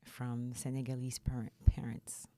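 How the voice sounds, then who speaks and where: Deep-voiced soft-spoken woman. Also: flat delivery, unhurried, no room sound. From France. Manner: soft-spoken, laughs often, hesitant fillers. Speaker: guest. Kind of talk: casual interview chat.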